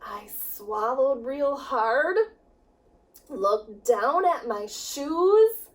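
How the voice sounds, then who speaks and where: Heard through a distant microphone, a high-voiced woman, a children's director, reads a children's story aloud. She takes her time with every phrase, pausing dramatically between lines, her delivery animated and widely varied.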